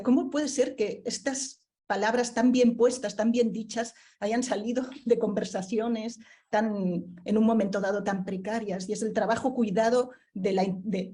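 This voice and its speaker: With a mellow, mid-range voice, a woman from Barcelona, Spain, serves as book presenter and panelist in a book presentation talk. Her manner is contemplative: she pauses to find words and frequently uses fillers and tag questions.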